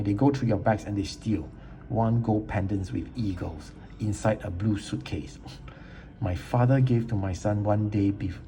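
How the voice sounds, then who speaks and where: A vlogger reads online posts and reviews aloud in an indignant, emphatic rant, often repeating words as he gets worked up. His voice is lowish and dark, and the recording is rough.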